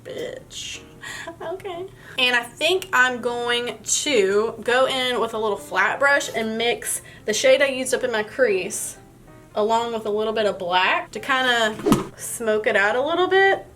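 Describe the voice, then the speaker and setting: Chatty young woman with a higher voice. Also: animated, measured pace, fairly bright tone, soft background music, low-quality recording. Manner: chatty, candid, swears freely. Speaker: beauty vlogger. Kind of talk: casual makeup tutorial with storytelling.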